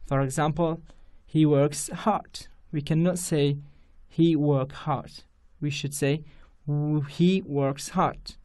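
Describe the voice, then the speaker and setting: A man's voice: a little high, steady tone, slow, few pauses, darkish tone. A man with a Kurdish accent, a native Kurdish speaker, teaching an English grammar lesson to students and repeating each example sentence with care.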